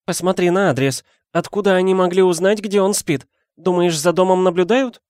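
A man's voice: sits high, normal speed, a little mellow, dry recording, studio quality, voice pushed up, close to an everyday voice. A man reading an audiobook, voicing an anxious middle-aged aunt who speaks in a trembling, frightened voice.

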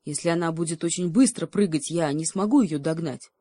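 A woman voicing a boastful, greedy male cheetah who shouts and growls in desperation. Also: low voice, brisk, dry recording. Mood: desperate shouting.

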